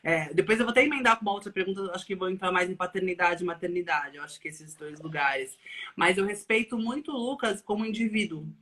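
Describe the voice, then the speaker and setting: A Brazilian woman hosting a casual online chat, lively and thinking aloud as she talks. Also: fairly low pitch, fast talker. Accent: Brazilian Portuguese. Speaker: live stream host. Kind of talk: casual video-call chat.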